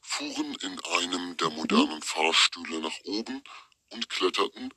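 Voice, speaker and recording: A man's voice: sits low, animated, moderate pace, bright, forceful tone. A man playing the solemn storyteller of a parody detective radio play, reading scripted narration. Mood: solemn, measured.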